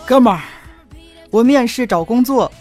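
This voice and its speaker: A man voicing an excitable, emotional man who talks loudly to his friend in a comic audio sketch, with faint music behind. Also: sits high, a little fast. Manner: loud and emotional. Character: excitable, grateful middle-aged man, Lao Wang.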